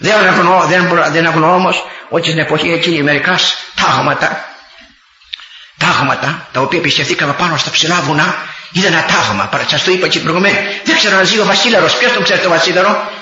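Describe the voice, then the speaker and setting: Older male preacher, passionate, bright cutting tone, dull lo-fi recording. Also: a little high. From Greece. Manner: impassioned, rises to near-shouts, acts out dialogue. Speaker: priest, former army chaplain. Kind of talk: storytelling sermon. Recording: echoey, dull lo-fi room recording.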